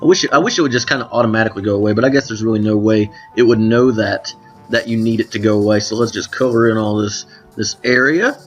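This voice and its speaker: A man's voice: fairly low pitch, steady tone, fast talker, faint music behind. A man hosting a let's play of a drawing game, chatting casually with rambling, self-correcting asides to viewers while his voice cracks now and then. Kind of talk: casual gameplay commentary.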